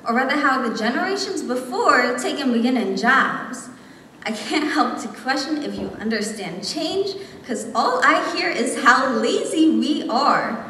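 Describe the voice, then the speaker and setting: A young adult woman performs slam poetry with impassioned, rhythmic emphasis. Her voice sits fairly high with a fairly bright tone, captured by a distant mic in an echoey hall with faint noise.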